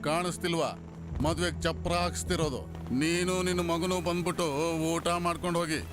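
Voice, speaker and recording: A man's voice: fairly high pitch, level tone, brisk, natural voice. An actor playing a cold, haughty rich father who talks in a curt, dismissive way. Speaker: bride's father. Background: film score music.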